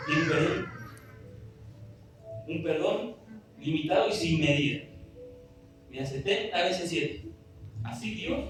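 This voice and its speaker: A man preaches a sermon in an earnest, pleading way, his voice sitting a little high. He sounds far from the mic in a strongly echoing hall, with music clearly playing behind him. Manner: earnest, pleading, reads scripture aloud. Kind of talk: sermon with scripture reading. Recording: echoey room, distant mic, music behind.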